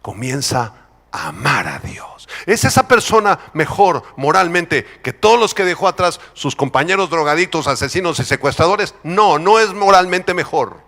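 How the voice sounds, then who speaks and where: Man, pastor, emphatic sermon, fairly high voice, long hall echo. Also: expressive, moderate pace, hardly any pauses, pushed and bright. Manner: emphatic, calls congregation to repeat phrases.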